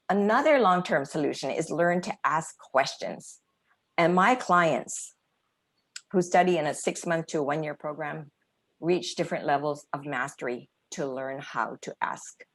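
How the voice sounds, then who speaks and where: A woman communication coach teaching an online masterclass on a video call, demonstrating phrasings aloud. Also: fairly low pitch.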